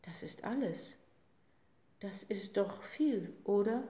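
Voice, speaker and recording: A woman's voice: medium pitch, expressive, slow pace, warm tone. A woman voicing a small, eager young day who is easily hurt, talking breathlessly, in a roomy recording. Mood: stammering. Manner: breathless, eager then stammering. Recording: roomy echo.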